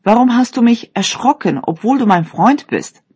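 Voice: mid-range voice, very animated, measured pace, a little mellow, husky, muffled recording. A storyteller voicing an earnest young man in a read-aloud fairy tale, pleading in a raised voice.

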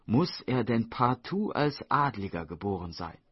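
A man's voice: mid-range voice, big pitch swings, a little slow, slightly rough, dry recording, voice pushed up. A man voicing a carefree, cheeky young daughter who answers in breezy, teasing retorts. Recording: dull, dry studio voice-over.

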